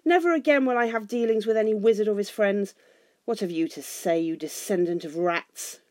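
Storybook dwarf king, read by a woman: haughty, stubborn, scornful, quick to wrath. Dry recording. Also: a little high, animated, no echo, natural voice. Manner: imperious, scornful, shouting in rage.

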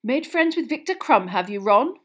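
A woman's voice: fairly high pitch, big pitch swings, moderate pace, fairly bright tone, voice pushed up. A woman voicing a self-important, officious young man with a pompous, fussy manner for an audiobook.

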